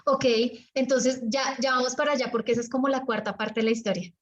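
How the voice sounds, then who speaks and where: Colombian woman, business coach on a video call, animated, raised pitch, dull lo-fi audio. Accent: Colombian Spanish. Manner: chatty and animated, acts out examples with pauses and lowered tone. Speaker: business coach leading an online workshop.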